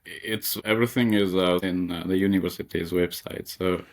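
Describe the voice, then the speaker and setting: Low-voiced young man from Nepal. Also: fairly even intonation, normal speed. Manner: hesitant, many fillers and restarts. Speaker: guest, master's student. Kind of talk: interview.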